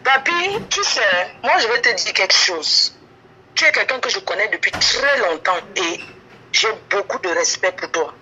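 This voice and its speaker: Woman, phone on speaker held away, scolding, insistent, very bright and piercing. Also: mid-range voice, expressive, measured pace, slight background noise, poor audio. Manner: scolding, insistent, repeats herself. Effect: voice over a phone on speaker, held away from the mic. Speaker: caller on a live stream. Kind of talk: heated phone call.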